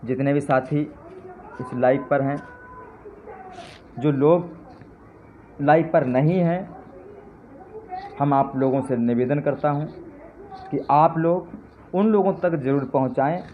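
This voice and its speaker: A man with a fairly high voice speaks slowly, pausing often, during a passionate live address to his supporters. He repeats fervent appeals that escalate into indignant jabs, and the recording has a tinny phone-line quality with faint noise.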